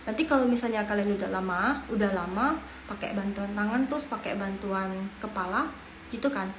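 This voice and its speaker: Speaking at a fairly quick pace with medium pitch, a young woman from Medan, Indonesia, with a Medan accent, leads an easygoing live online Mandarin lesson, encouraging students and drilling tones aloud. The audio is poor and roomy with a little hiss or hum.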